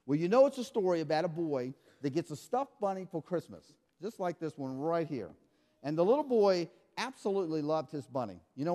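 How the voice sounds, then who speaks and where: This man's voice is high and a little mellow as he performs magic for children in a church hall before a live audience. He plays at being surprised and runs call-and-response quizzes, all captured in the hall's echo.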